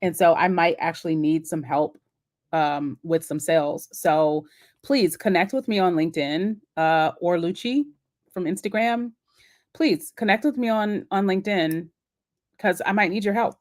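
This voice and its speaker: Chatty low-voiced woman hosting a live Q&A. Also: a little slow. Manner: chatty, encouraging, with many fillers and restarts. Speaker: host of a live Q&A. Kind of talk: casual live-stream Q&A.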